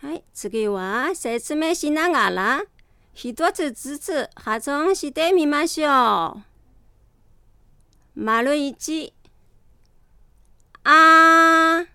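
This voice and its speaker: A woman teaching a beginner language lesson, explaining sounds carefully and deliberately. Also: high voice, lively intonation, a bit bright, dry recording, clean studio sound. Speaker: Chinese language instructor. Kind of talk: slow scripted language lesson.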